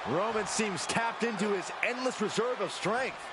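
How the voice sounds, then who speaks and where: A man giving excited colour commentary on wrestling, reacting with dramatic amazement over loud arena game noise. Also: sits high, normal speed, lightly acted.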